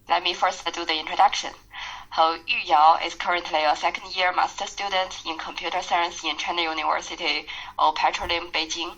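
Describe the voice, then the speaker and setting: A woman's voice: lowish voice, fairly bright tone, rough recording. A woman chairing a session, reading a formal introduction with small slips and self-corrections, heard through screen-recorded video call audio.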